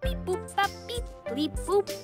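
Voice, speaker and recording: A small search gadget talks in a flat robot voice of beeps and boops, as a child-like cartoon voice puts it on. The voice is very high and swings up and down. It moves slowly over loud background music. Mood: mechanical. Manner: flat beeping robot chant. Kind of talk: cartoon voice acting.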